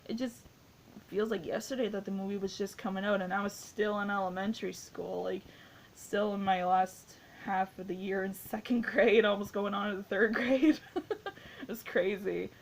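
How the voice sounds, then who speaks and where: A woman's voice: mid-range voice, fairly even intonation, moderate pace, vocal fry, slight background noise. Woman, 20s, casual film-review vlogger, rambling and enthusiastic, mid-range voice. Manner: rambling, gushing, heavy use of "like". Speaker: movie reviewer. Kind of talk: casual spoken movie review.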